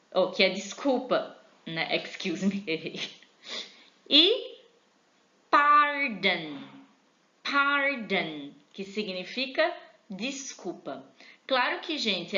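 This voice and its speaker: A Brazilian woman teaches English in a chatty, encouraging way, drilling each word slowly and more than once. Her voice is bright and forward. The sound is echoey and a little dull, as if taped in a bare room. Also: mid-range voice. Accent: Brazilian Portuguese. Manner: chatty and encouraging, repeats words slowly for learners. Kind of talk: online English lesson, explaining and drilling pronunciation.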